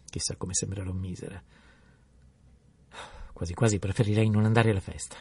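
A man voicing an anxious young wife who longs for finery, speaking softly and hesitantly. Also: fairly low pitch, moderate pace, vocal fry, breathy edge, no echo, recorded from a distance. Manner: hesitant, soft-spoken.

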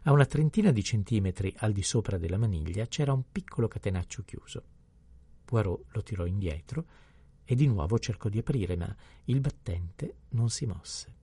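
A man calmly reading a novel aloud as an audiobook narrator. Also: fairly low pitch, moderate pace, breathy edge, no echo. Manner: calm, even storytelling. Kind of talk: scripted narration.

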